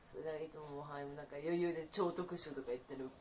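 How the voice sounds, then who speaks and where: A woman's voice: deep voice, steady tone, fast, a little mellow, a little hiss or hum. A young woman chatting casually as a game streamer, teasing her partner and giving her hints. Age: young adult. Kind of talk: casual live gameplay chat. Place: indoor room, seated beside co-player.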